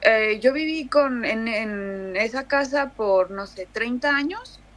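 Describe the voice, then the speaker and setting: A woman's voice: a little high, lively intonation, slow, a bit bright. A young Mexican woman with a Mexican accent, chatting casually as a guest, full of fillers and restarts. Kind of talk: casual conversation.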